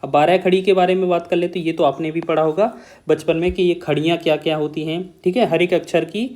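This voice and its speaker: A man's voice: fairly high pitch, fairly even intonation, a little fast, darkish tone. A man teaching an exam-prep lesson on Hindi grammar, explaining step by step, repeating key points and checking in with the listener.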